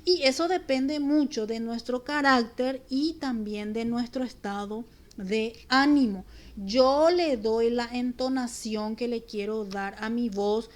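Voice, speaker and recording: A woman teacher, giving a recorded class in a clear, deliberate way with examples. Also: fairly high pitch. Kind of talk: recorded remote class lesson.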